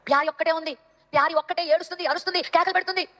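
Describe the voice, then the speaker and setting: A woman's voice: extremely high pitch, fairly even intonation, rapid-fire, fairly bright tone, in a large hall. A woman Sunday school teacher telling a dramatic Bible story to children, speaking to them directly.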